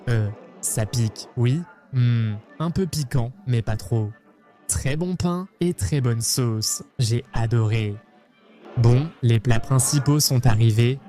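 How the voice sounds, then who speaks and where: A man from Argentina hosting a travel vlog, talking in an excitable, playful, jokey way. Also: medium pitch. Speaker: travel vlogger host.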